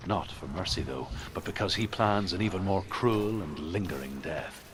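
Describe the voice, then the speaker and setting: An actor playing a grave storyteller of old legends in a video game, measured and suspenseful. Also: male voice, low-pitched, animated. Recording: clear background ambience.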